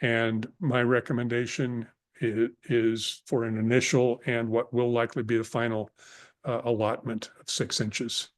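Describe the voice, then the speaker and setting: Even-toned man giving a halting formal report. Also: mid-range voice. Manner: halting, measured. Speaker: technical adviser presenting to a board.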